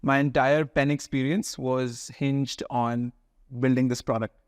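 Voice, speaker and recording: A man's voice: medium pitch, flat delivery, measured pace, no echo. Educated Indian-accented man, close dry sound. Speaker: interview guest, education company founder. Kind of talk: conversational interview answers.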